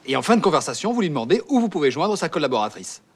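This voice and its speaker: A man's voice: fairly high pitch, big pitch swings, rapid-fire, husky, heavily acted. An actor playing an exasperated, impatient middle-aged man in a film comedy. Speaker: film character.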